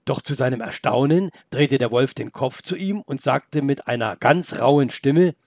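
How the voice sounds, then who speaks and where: Gravelly man reading a children's story. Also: medium pitch, a little slow, darkish tone, no room sound, clean studio sound. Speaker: narrator.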